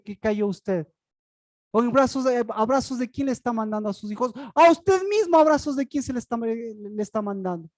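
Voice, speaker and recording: Preacher, high-pitched voice, sermon, rhetorical questions, jumps from cries to murmurs. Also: poor audio. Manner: asks and answers own rhetorical questions; sudden swings between loud high cries and low murmurs.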